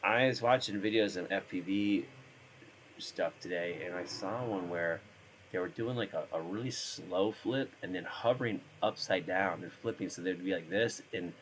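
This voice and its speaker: Very deep-voiced hoarse man streaming. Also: moderate pace, slight background noise. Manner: rambling, thinking aloud. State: hoarse from being sick. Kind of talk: casual live-stream chat while gaming.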